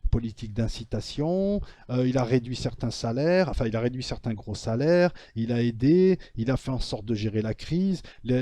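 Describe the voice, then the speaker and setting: A man's voice: medium pitch, warm tone, dry recording. A man hosting a casual press review, talking straight to his viewers in slangy, mocking asides. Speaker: political commentary host.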